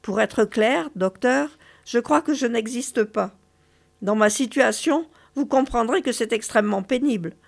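A woman reading the part of a weary, deadpan male God who complains that he does not exist, in a dry literary reading. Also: on the high side, a little slow, gravelly.

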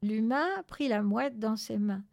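Storyteller, woman, expressive measured read-aloud, slight fry. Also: fairly high pitch. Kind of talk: reading a children's novel aloud.

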